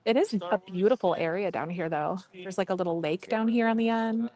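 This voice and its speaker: A woman's voice: mid-range voice, a little fast, a little mellow. A woman streaming from an outdoor event, greeting viewers by name in casual chat. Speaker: streamer filming on location. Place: outdoors by a lake.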